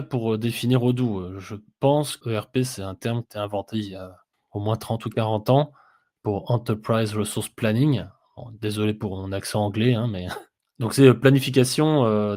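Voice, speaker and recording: A man co-hosting a business podcast, explaining things steadily and pausing often with filler sounds. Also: medium pitch, darkish tone. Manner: hesitant, many "heu" fillers, explanatory. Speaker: podcast co-host, business software consultant. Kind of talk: casual business podcast discussion.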